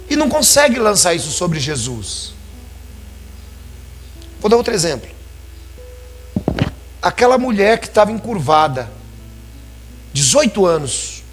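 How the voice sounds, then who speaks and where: A man preaching a sermon in a church, talking conversationally and calling his listeners brothers. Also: high-pitched.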